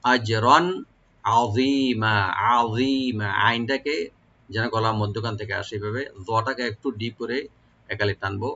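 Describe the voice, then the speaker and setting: Man teaching Quran recitation, bright tone. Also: on the low side, fairly even intonation, muffled recording. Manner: explains rules slowly, then chants verses in a drawn-out melodic recitation. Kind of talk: tajweed lesson with recitation.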